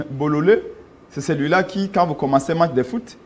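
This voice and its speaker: Speaking at a normal speed with a fairly high pitch, a Congolese man from a political party argues emphatically for his leader during a studio interview. He grows more forceful whenever he insists on a point.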